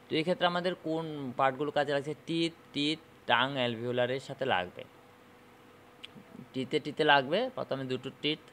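A man's voice: mid-range voice, a bit bright, a little hiss or hum. Man demonstrating sounds in a phonetics lesson. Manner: repeats and demonstrates sounds slowly, asks "okay?" often. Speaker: teacher.

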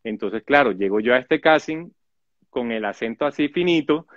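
A man, an actor being interviewed, telling stories about his work in an animated, chatty way with many restarts. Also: mid-range voice, moderate pace, dry recording. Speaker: actor guest. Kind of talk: casual interview storytelling. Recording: dull lo-fi dry audio.

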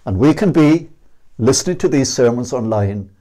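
A man's voice: medium pitch, lively intonation, mellow. An older man with a Scottish accent preaching earnestly, asking searching questions, then leading a prayer. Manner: earnest, emphatic questioning, slow and measured. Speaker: minister. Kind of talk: sermon and closing prayer. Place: small indoor room against a plain wall. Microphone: fixed camera at medium distance.

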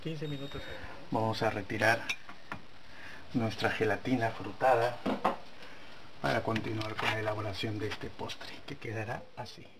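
There's background noise behind this medium-pitched man's voice. He's a home cooking channel host in his kitchen, leading viewers through a dessert step by step and chatting with them as he works in a laid-back tutorial style.

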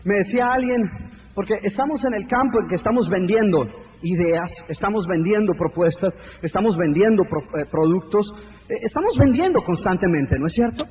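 High-voiced man preaching in an echoey hall. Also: normal speed. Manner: energetic, jokey, addresses the audience with rhetorical questions. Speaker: motivational speaker. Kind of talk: live motivational seminar talk. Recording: echoey hall, dull lo-fi sound, faint noise.

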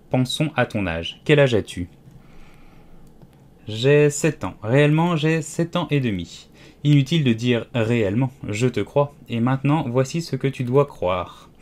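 A man's voice: normal speed, darkish tone, natural voice. A man voicing a fussy, scatterbrained old queen who wails and lectures in an audiobook. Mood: lecturing. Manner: shrill wailing cries, fretful and peremptory. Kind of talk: audiobook character voice.

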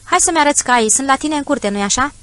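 A woman's voice: high voice, lively intonation, fairly bright tone, voice pushed up. A woman voicing a stern young male landowner who speaks dry, curt and severe in an audiobook story.

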